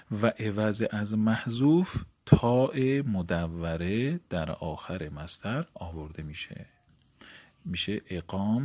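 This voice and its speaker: A man with a very low, husky voice lectures methodically on grammar, breaking every rule down into its steps. He speaks as a seminary student teaching his peers. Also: darkish tone, no echo. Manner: methodical, spells out each step of a rule. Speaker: teacher of Arabic morphology. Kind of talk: classroom lecture on grammar rules.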